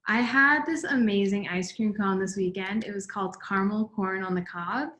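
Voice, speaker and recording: Young woman, from Utah, enthusiastic, mid pitch, roomy echo. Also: normal speed, a bit bright. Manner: enthusiastic, gushing. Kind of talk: panel self-introduction.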